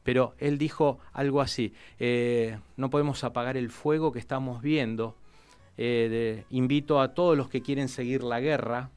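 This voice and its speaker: A historian speaks on a radio interview with a smooth, clear voice at a middle pitch. He tells stories with lively energy and often restarts his sentences. He sounds like a guest explaining history in a studio conversation. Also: normal speed, soft background music. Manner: animated storytelling, many restarts.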